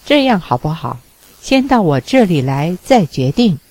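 A woman reading a smooth-talking bachelor on the phone. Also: fairly low pitch, sing-song, normal speed, a little mellow, dry recording. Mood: coaxing. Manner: coaxing then firm.

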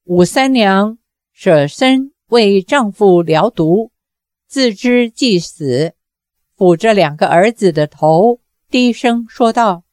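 一位女性朗读者，以从容而富有戏剧感的方式讲述武侠小说。. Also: female voice, medium pitch, lively intonation, darkish tone, no echo, studio quality. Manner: measured, dramatic storytelling. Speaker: narrator. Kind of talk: audiobook narration.

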